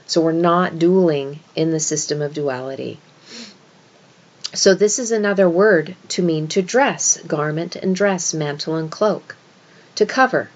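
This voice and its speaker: A woman with a fairly low voice speaks as a religious teacher, walking through an esoteric scripture lesson. She explains in an instructive manner and puts emphasis on key words. The recording is slightly dull and lo-fi. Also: a little mellow.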